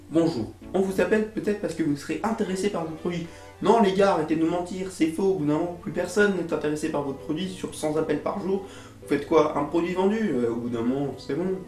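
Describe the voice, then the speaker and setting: A young adult man hosting a YouTube video rants to camera in a casual, comedic way, playing up his exasperation theatrically and tossing in slangy swear words. His voice is on the high side and a little mellow. The recording carries roomy echo, with music underneath.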